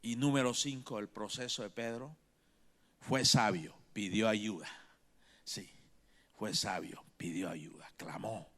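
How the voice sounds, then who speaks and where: A middle-aged man preaching a sermon as pastor, repeating phrases for emphasis with sharp swings in loudness. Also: lowish voice, slow pace, creaky. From Bolivia.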